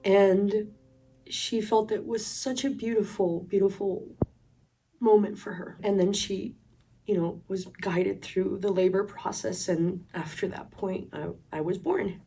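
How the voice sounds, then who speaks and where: A woman from Colombia sharing a personal faith testimony in a reflective, earnest way, with pauses. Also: medium pitch, steady tone, slight background noise. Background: soft instrumental music.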